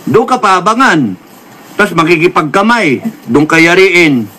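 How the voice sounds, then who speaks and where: High bright-voiced Filipino man lecturing. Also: lively intonation, unhurried, slight background noise. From Philippines. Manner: lecturing, repeated apologies, mixes English phrases. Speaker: commentator. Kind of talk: political commentary.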